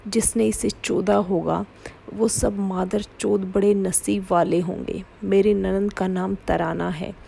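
A woman reading a first-person adult story aloud in a steady, plain storytelling way. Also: mid-range voice, unhurried, gravelly, breathy edge. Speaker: story narrator.

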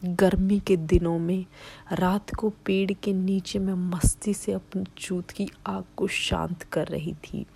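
Woman whispering a story, slow, dark gravelly voice. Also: on the low side, fairly even intonation. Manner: hushed, breathy whisper.

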